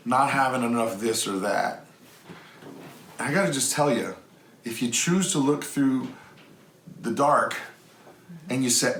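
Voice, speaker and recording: A man's voice: medium pitch, vocal fry, fairly bright tone. A middle-aged man co-hosting a family vlog, talking earnestly and at length to the camera. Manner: earnest, talkative, encouraging. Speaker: homestead vlog co-host. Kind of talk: casual chat to camera. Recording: echoey room, faint hum.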